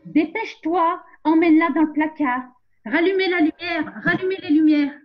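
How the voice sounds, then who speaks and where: Woman as a defiant mother who gives orders, high-pitched, dull recording. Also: expressive, measured pace. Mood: urgent. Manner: commanding, scolding, defiant. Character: fierce protective mother of a family. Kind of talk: amateur theatre web-series acting.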